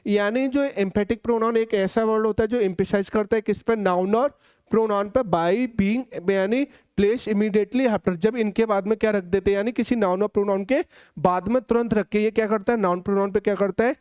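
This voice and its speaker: A man with an Indian accent teaching an exam-prep grammar lesson, asking and answering his own questions and slowing down to dictate example sentences. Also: high-pitched, darkish tone, smooth, no echo, clean studio sound.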